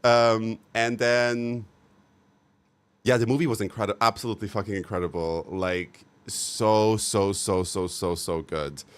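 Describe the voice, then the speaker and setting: His voice is lowish and smooth, with fairly even intonation and a measured pace, as this young livestream host chats casually with viewers. He gushes and speaks frankly, occasionally swearing, and repeats himself with plenty of fillers.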